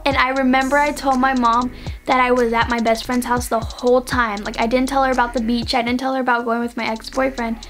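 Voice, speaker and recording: A woman's voice: a little high, flat delivery, a little fast, a bit bright, soft background music. A young woman vlogger telling a personal story in a casual, rambling way, dropping "like" into nearly every phrase.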